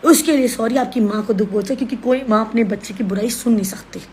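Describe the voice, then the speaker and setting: A woman's voice: on the high side, quick pace, darkish tone, slight background noise. A woman ranting on a live stream from her phone, scolding and accusing in an insistent way. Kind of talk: heated live-stream rant.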